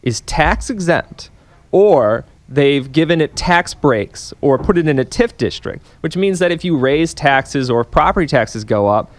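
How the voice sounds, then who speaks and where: A man's voice: a little high, lively intonation, measured pace. Young male policy analyst, earnest explainer. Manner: earnest, explains at length with frequent restarts. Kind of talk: radio interview. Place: radio studio. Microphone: studio microphone on a boom arm.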